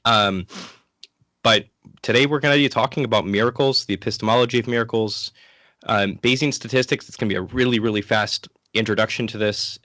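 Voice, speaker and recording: A man giving an informal, interactive lecture in a casual, conversational way, sick and low on energy. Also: a little fast, pushed and bright, no echo. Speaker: guest lecturer from an online ministry.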